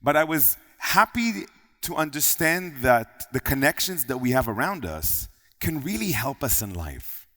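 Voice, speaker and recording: A man's voice: mid-range voice, big pitch swings, a little slow, pushed and bright. A man delivers a motivational keynote with earnest emphasis, piling up his points one after another. His mid-range voice rings out into a large hall with a long reverb tail behind every phrase. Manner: earnest, emphatic, building lists. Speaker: keynote speaker. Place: event hall on stage.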